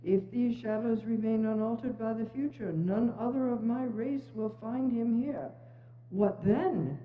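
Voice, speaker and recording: A woman's voice: on the high side, unhurried, close to an everyday voice. A woman playing a stern, imperious Christmas spirit in a solemn, oratorical dramatic reading. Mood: stern, reproachful. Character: stern, commanding Ghost of Christmas Present. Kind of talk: dramatic reading of a stage adaptation. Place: indoors, church. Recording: echoey church, slightly dull sound.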